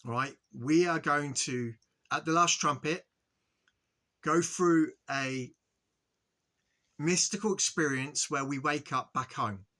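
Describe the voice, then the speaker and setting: A man giving an earnest, halting spiritual monologue to his viewers, often stopping to ask "okay?" and restarting his sentences. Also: a little high, bright, forceful tone. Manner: earnest, repetitive, frequent "okay?" check-ins. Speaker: spiritual video host.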